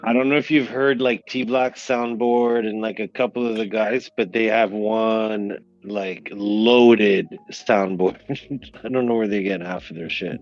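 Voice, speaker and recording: A man's voice: on the low side, fairly even intonation, measured pace. A man chatting loosely on a crypto livestream, talking in slang with friends. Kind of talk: casual chat on a crypto livestream. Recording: dull lo-fi stream audio.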